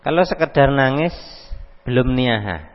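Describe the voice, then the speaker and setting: A man with a Javanese accent giving a religious study lecture, explaining slowly and carefully and mixing in Arabic readings. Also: mid-range voice, animated. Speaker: Islamic teacher. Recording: echoey hall, dull lo-fi audio.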